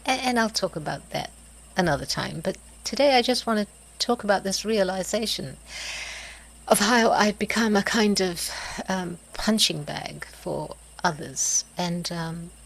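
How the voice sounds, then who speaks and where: A middle-aged woman speaking in a halting, reflective way, pausing often and letting out soft laughs and sighs. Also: medium pitch, vocal fry, rough recording. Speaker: host of a reflective video series. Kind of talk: slow personal reflection.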